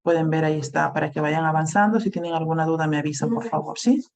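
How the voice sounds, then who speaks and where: A woman's voice: low-pitched, steady tone, fast, creaky, a little mellow. Woman lecturer on a video call. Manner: explains plainly, checks in with "¿no?", "¿sí?" and "este" fillers. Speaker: university clinical lab lecturer. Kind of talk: online class lecture.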